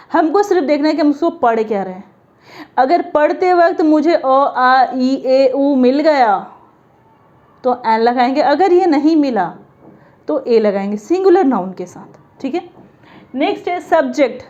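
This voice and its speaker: A woman teaching an English grammar lesson to learners, explaining step by step and sounding out letters slowly. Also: sits high, darkish tone, dull audio.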